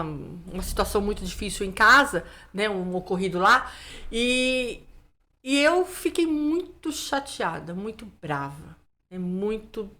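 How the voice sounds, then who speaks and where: A woman pastor, telling her testimony in a casual interview and acting out the dialogue. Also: medium pitch. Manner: lively storyteller who acts out dialogue, many "né" fillers. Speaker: pastor, guest.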